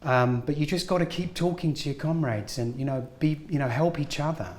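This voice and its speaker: A man's voice: a little high, fairly quick. A man, a guest actor, giving earnest, encouraging advice in a casual interview. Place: film studio at a school event. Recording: roomy, echoey room.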